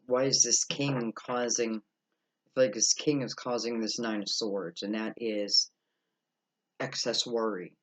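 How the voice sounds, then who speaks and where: A man giving an unscripted, mystical horoscope tarot reading, musing aloud with halting pauses and rhetorical questions. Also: medium pitch, fairly even intonation, rough recording. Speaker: tarot card reader.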